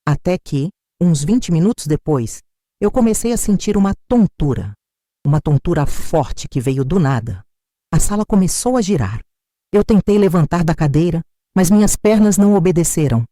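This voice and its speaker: Low, dark Brazilian woman telling a story. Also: lively intonation, moderate pace, no room sound, clean studio sound. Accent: Brazilian Portuguese. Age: older. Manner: dramatic, tense, emphatic. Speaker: narrator. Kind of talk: dramatic first-person storytelling.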